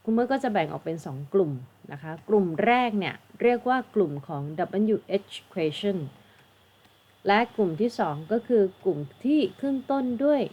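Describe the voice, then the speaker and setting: A woman with a Thai accent tutors English grammar for an exam. She explains slowly and patiently, spelling words out letter by letter and ending her phrases with polite particles. Her voice sits at a middle pitch. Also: big pitch swings, muffled recording. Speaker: English teacher.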